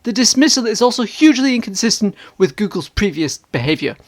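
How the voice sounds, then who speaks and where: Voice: mid-range voice, big pitch swings, a little fast, pitched above the performer's own voice. A performer playing a hammy, indignant stage actor, declaiming internet comments in a grandiose, theatrical way. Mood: outraged. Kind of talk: dramatic reading of internet comments.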